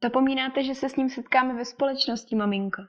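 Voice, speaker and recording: Sensible calm young woman, a bit higher, read by a woman, dull sound. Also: lightly acted. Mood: reasonable. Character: sensible, quick young woman, second daughter. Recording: dull lo-fi recording.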